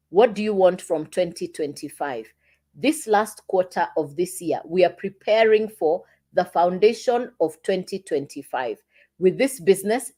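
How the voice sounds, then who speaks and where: A woman hosts a casual livestream pitch for an online business. She talks straight to her viewers, repeating her points to coax them along. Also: mellow. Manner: repetitive, coaxing, addresses viewers directly.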